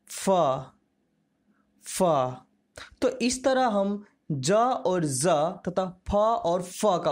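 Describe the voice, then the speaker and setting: Slow, careful Hindi pronunciation teacher. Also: medium pitch. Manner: slow, carefully articulated, demonstrating sounds. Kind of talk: slow instructional lesson, word drills.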